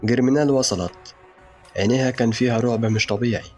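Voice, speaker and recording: A man with an Egyptian Arabic accent narrating a dark first-person story in a slow, brooding, intense way. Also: medium pitch, faint music behind.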